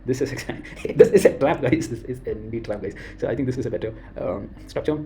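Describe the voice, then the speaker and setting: Mellow-voiced Indian man thinking aloud. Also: mid-range voice, a little hiss or hum. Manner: thinking aloud, halting with fillers. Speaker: creator. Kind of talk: casual screen-share walkthrough.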